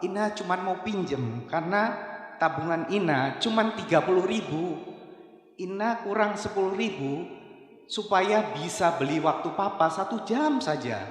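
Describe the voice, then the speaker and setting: A man voicing a shy eight-year-old girl who pleads softly with her father. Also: high-pitched, lively intonation, a little slow. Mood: pleading. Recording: echoey hall with long reverb.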